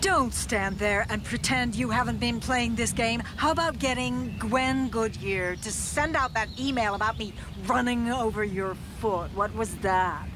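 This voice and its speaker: A woman's voice: on the high side, a little slow, hardly any pauses, background noise, natural voice. An actress playing a defensive, protective middle-aged mother in a radio drama. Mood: angry, defensive.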